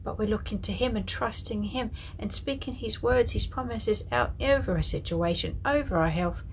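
A woman sharing a devotional message, reading scripture in a soft, prayerful way that often drops to a whisper. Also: mid-range voice, normal speed, slight background noise, poor audio. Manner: emotional, tearful at moments. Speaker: ministry leader sharing a prophetic word.

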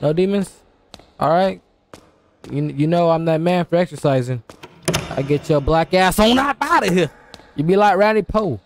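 A man's voice: a little high, expressive, moderate pace, pauses often, a little hiss or hum. A young man streaming a horror game with scared commentary, playfully scolding the game's characters as he talks to them.

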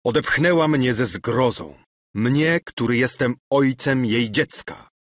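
A man reading an audiobook voices a passionate young male officer, loud, pleading and furious, in a slightly raised voice. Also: mid-range voice, animated, takes it slowly, no room sound. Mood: impassioned.

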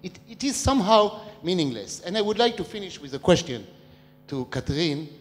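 An older man in the audience asking a long public question into a handheld mic, talking in a discursive way with hesitant pauses. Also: high-pitched, big pitch swings. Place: large dark hall with an audience, standing. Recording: long reverb of a large hall.

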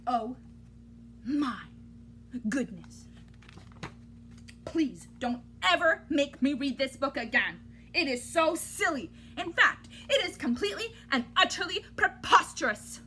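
Reading to kids like a teacher, a woman in her thirties gives a picture book a dramatic, exaggerated treatment laced with playful exasperation. Her high voice is bright, forceful and very animated, moving at a slow pace with frequent pauses. She's recorded at home in a small indoor room, with obvious background noise.

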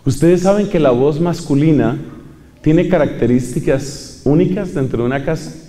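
A man delivers a sermon in a large church hall. His voice sits a little high for a man but sounds mellow and warm. He stresses his points by repeating them and asking the crowd questions, and a long reverb trails behind his words. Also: moderate pace. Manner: emphatic, repeats key phrases and asks the audience questions. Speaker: preacher. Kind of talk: sermon to a congregation.

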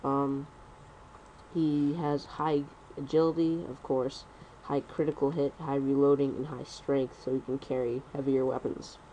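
A young man rambling through casual gameplay commentary at home on a computer mic, talking fast and correcting himself. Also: mid-range voice, level tone, mellow, highs cut off, a little hiss or hum. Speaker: gaming commentator.

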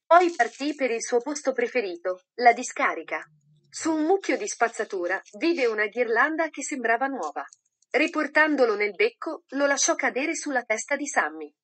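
Woman reading a storybook, slightly high voice. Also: lively intonation, normal speed, a bit bright. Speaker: audiobook narrator. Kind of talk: scripted storybook narration.

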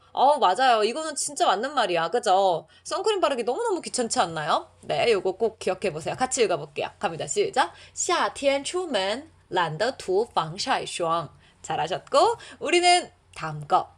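A young adult woman teaching a language lesson in an encouraging way, reading practice sentences slowly for learners. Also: a little high. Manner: lively, encouraging, reads Chinese lines slowly for learners.

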